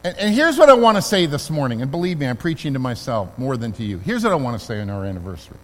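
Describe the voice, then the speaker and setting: A man preaching a sermon in a church, earnest and emphatic, slowing down to stress key words. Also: mid-range voice, big pitch swings, a bit bright. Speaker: pastor. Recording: long hall reverb.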